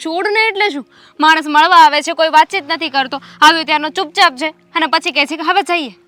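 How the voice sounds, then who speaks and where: An actress playing Damini, a teasing, quick-tongued young woman in a family film who talks a lot with mock indignation. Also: very high voice, a bit bright, no echo. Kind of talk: film dialogue.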